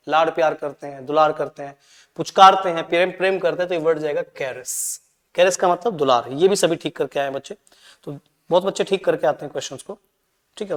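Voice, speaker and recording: High-voiced man teaching exam English. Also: long reverb tail. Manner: mixes Hindi with read-out English, often checks in with "ठीक है?". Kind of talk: explaining exam answers to students.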